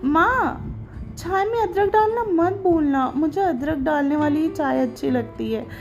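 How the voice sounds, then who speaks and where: A woman's voice: a little slow, soft background music. A woman voicing a cheeky, curious teenage village girl who teases and pleads with her mother. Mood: pleading. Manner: playful, pleading, bright and higher.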